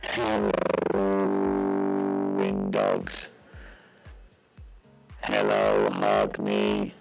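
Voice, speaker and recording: Someone talking through a voice changer that makes the voice very deep, playing an anonymous disguised whistleblower in slow, deadpan jokes. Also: muffled recording, music in the background, exaggerated voice. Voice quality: gravelly, croaking. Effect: voice changer pitching the voice very deep. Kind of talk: joking banter on a live game stream.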